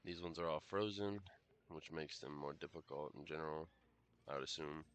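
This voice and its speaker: This man's very deep, fairly bright voice moves at a moderate pace as he casually comments live on the game he's streaming. He rambles and hesitates, leaning on fillers and self-corrections, and coughs or clears his throat from time to time.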